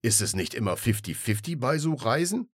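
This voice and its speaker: A man voicing a nervous, reluctant man who turns loud and insistent, in an audiobook. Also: mid-range voice, big pitch swings, moderate pace, breathy edge, no room sound. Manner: hesitant, then loud and insistent. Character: nervous, reluctant grown man dodging a trip. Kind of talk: audiobook reading.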